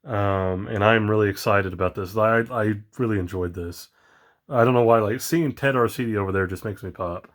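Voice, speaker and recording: A man talks casually in a slightly low voice, full of ums and uhs as he rambles. He sounds excited but tired, as if it is late at night. The delivery is loose and unscripted, like a hobby vlog. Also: normal speed. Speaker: toy collector vlogger.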